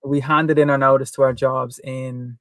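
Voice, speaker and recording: A man's voice: medium pitch, level tone, normal speed, no room sound. A man with an Irish accent, a guest on a livestream, chatting casually and upbeat. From Ireland. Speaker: guest vanlife vlogger.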